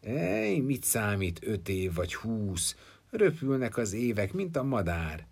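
A man's voice: on the low side, sing-song, vocal fry, a little mellow, full character voice. A man voicing a crafty old peasant with a grey beard, teasing and cheerful, in a folk tale. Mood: bargaining. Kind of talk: storytelling.

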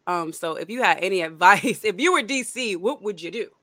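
A woman's voice: medium pitch, animated, fairly quick, pushed and bright, no room sound. A woman hosting a casual sports podcast, chatty and upbeat with lots of fillers. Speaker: podcast host.

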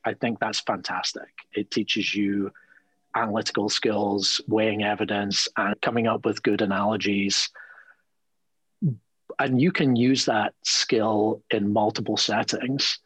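A man speaking as a lawyer guest in a conversational interview, earnest and animated, often repeating words as he thinks aloud. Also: fairly low pitch, measured pace, husky, no room sound, poor audio.

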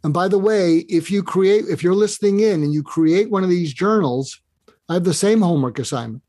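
A man appears as a podcast guest, earnestly guiding the listener through an exercise in casual interview talk. His voice is fairly high, mellow and a little fast, and he often repeats words as he restarts phrases. The recording is dry and close, with no echo.

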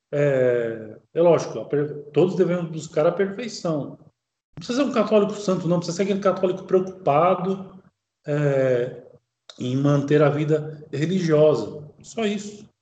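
A man's voice: a little high, a little mellow, slight background noise. Man preaching in an echoey room. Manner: alternates slow solemn reading with quick conversational commentary. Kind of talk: sermon commenting on a read text.

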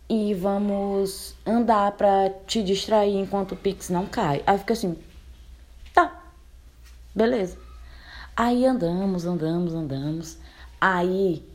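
A woman in her twenties telling a story in a casual, animated way, laughing often and acting out both sides of the talk. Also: medium pitch. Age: 20s. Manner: animated, laughing, quotes herself and her date. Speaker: storyteller recounting a bad date.

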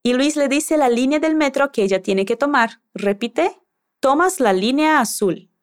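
Woman, language teacher, scripted lesson, patient, encouraging, slow and lively. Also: sits high, clean tone. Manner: patient, encouraging, prompts the listener to repeat.

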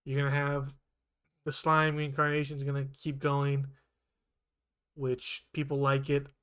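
Rambling through casual chat, a man co-hosting a podcast often restarts and corrects himself while staying even-toned. He speaks at a measured pace in a clean, medium-pitched voice.

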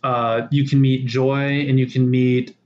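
A man's voice: mid-range voice, level tone, unhurried, darkish tone, a little hiss or hum. A man co-hosting a casual podcast chat, rambling and teasing, often breaking off mid-thought. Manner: rambling, self-interrupting, teasing. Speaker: podcast co-host. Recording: roomy, dull lo-fi sound.

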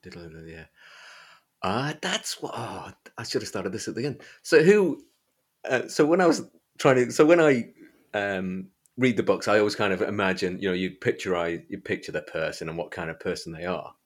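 This podcast host from Derbyshire, England, speaks with an East Midlands accent in a fairly low, husky voice, moving at a moderate pace with lively intonation. He discusses a book in a casual, informal way.

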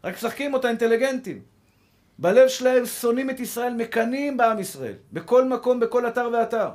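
A man with a high voice giving a sermon to his congregation as a rabbi. He preaches with passion, repeats key phrases again and again, and keeps calling his listeners brothers. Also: a little mellow. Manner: impassioned, repeats phrases for emphasis.

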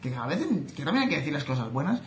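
A man's voice: fairly high pitch, big pitch swings, racing, slight background noise. A young man with a Spain Spanish accent, giving an opinionated casual vlog monologue as a social media creator, speaking straight to his viewers. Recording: roomy echo, faint ambience.

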